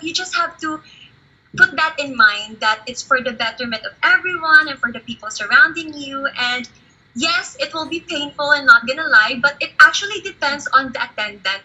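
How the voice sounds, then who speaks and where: A woman's voice: high voice, bright, forceful tone, low-quality recording. A woman, a pageant candidate giving earnest, encouraging advice in an interview. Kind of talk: interview answer.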